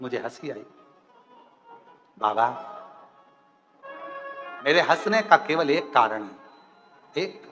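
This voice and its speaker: Slow, bright-voiced katha preacher man. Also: mid-range voice, highs cut off. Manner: animated, acts out dialogue, breaks into bhajan singing. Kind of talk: devotional storytelling sermon with song. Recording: long hall reverb, faint music.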